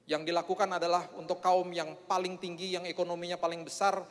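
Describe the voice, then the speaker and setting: A man's voice: sits high, level tone, fairly quick, fairly bright tone. Joking male pastor in an echoing church. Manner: jokey, self-mocking asides with frequent "eh" fillers. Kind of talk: sermon with prayer. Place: church hall. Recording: long church hall reverb.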